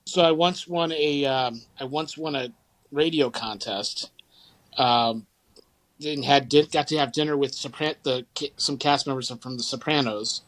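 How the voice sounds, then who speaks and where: A man's voice: medium pitch, measured pace, a bit bright, poor audio. A man, co-hosting a podcast in casual, rambling chat full of fillers and restarts. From St. Louis area, Midwest US. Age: 40s. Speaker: podcast co-host.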